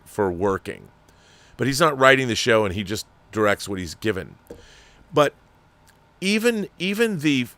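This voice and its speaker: Reading out viewer letters on his show, this male host offers emphatic, critical opinions and frequently starts his sentences over. He speaks in a mid-range, fairly bright voice with no echo in the sound.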